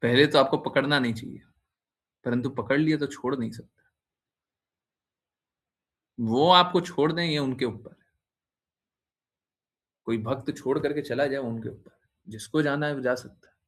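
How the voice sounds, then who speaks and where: This spiritual teacher speaks informally to his followers in a devotional talk, teasing them, repeating his phrases, and often tacking on the tag question "हैं?". His voice is medium in pitch, his pace moderate, and he leaves long pauses.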